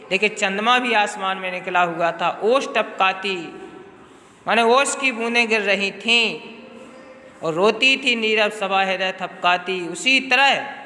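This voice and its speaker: A man teaching a poetry lesson, his voice high and very bright, unhurried and deliberate as he goes through the meaning of each word. The sound is a roomy, echoing space with a long tail of reverb behind every phrase. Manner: measured, explanatory, glosses words one by one. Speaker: Hindi teacher. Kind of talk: recorded lesson explaining a poem. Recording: echoey room with long reverb.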